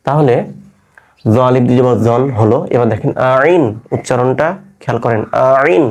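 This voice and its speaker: Man slowly teaching Quran letter drills. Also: medium pitch, darkish tone. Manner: patient, repeats each letter drill slowly; asks students questions and answers them himself. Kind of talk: online lesson.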